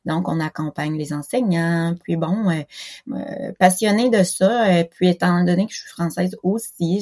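A woman in her thirties speaks with a Québécois French accent. Her voice sits a little low, and she chats casually as a podcast guest, hesitating often and restarting her sentences. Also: warm tone. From Quebec. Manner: hesitant, many fillers and restarts. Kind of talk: casual interview chat.

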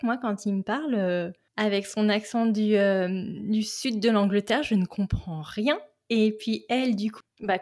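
A woman's voice: medium pitch, a little mellow. A woman hosting a podcast, asking questions in a friendly, chatty way. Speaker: podcast host interviewer. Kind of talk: casual interview conversation.

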